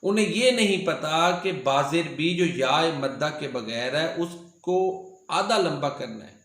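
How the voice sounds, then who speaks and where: A man gives a religious lesson on recitation, his voice pitched a little high. He explains earnestly and repeats example words slowly, recorded in an echoey room. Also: a bit bright. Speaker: Quran teacher. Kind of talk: religious lecture.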